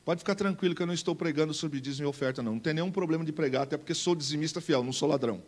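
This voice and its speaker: A male Brazilian pastor preaching with a high voice. He mixes emphatic declarations with casual slang and calls on the congregation to repeat after him. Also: racing. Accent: Brazilian Portuguese. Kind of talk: Pentecostal sermon.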